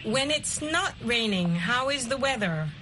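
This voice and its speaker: A middle-aged woman hosting an English practice chat, speaking slowly and clearly and repeating the learners' answers. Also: on the high side, animated, pushed and bright, slight background noise. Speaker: host leading an English conversation session. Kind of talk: encouraging language-practice chat.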